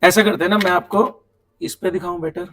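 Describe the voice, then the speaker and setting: A man teaching an accounts class, lively and talking straight to his students, acting out little dialogues. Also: sits high, a little fast. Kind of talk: classroom coaching lecture. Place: coaching classroom.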